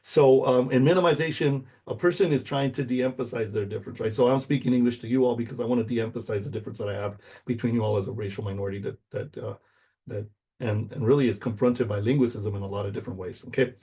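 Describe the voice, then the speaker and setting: Quick-paced and dark-toned with a breathy edge, this mid-range male voice belongs to a middle-aged man from the United States who grew up speaking Spanish. In an informal, explanatory lecture, he keeps checking with his listeners through quick "okay?" and "right?" tags.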